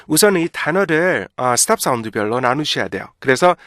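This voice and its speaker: A man's voice: mid-range voice, animated, a bit bright, no room sound, studio quality. Patient man teaching pronunciation. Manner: explains patiently, repeats words slowly, checks in with "그죠?". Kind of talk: pronunciation lesson.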